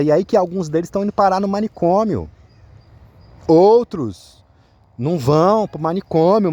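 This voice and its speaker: A man's voice: sits high, a little mellow. A man with a Brazilian accent telling viewers a personal account, repeating himself insistently and speaking straight to his listeners. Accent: Brazilian Portuguese. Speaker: vlogger.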